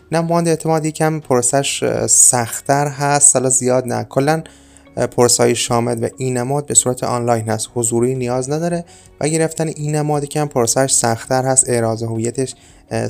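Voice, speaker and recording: A man's voice: mid-range voice, vocal fry, darkish tone. A man hosting a podcast, explaining things informally to listeners he calls friends, with frequent filler "uh"s. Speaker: podcast host.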